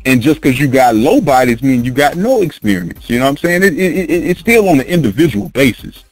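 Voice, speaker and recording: Lively, rambling man hosting a chat. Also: mid-range voice, brisk, soft background music. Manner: rambling, emphatic, profane, laughs often. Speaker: podcast host. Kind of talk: casual podcast chat.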